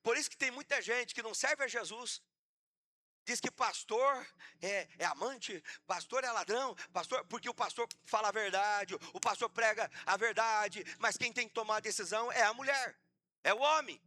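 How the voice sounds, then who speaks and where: A man's voice: high-pitched, normal speed, pushed and bright. A man preaching a sermon as pastor in a Brazilian accent, passionate and acting out the voices of church members. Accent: Brazilian Portuguese.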